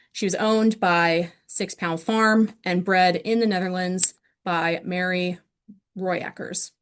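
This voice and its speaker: A woman with a fairly low-pitched voice presents an online awards ceremony over a video call, steadily listing winners and their breeding lines with frequent ums.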